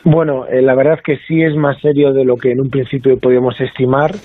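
A male professor of international relations, heard over a telephone line as a guest on a radio talk show, explaining in a measured way and often ending sentences with a questioning "right?". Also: mid-range voice, flat delivery. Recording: tinny phone line.

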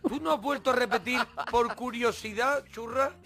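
A man's voice: very high-pitched, moderate pace, pushed and bright, faint music behind. A man co-hosting a comedy radio show, casually prodding a caller with teasing questions.

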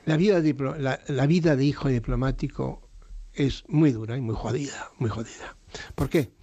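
A man's voice: medium pitch, moderate pace, mellow, dry recording, lo-fi sound. An older Spanish-speaking man telling stories frankly in a radio interview, with salty words and many restarts. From Spain. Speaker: radio guest.

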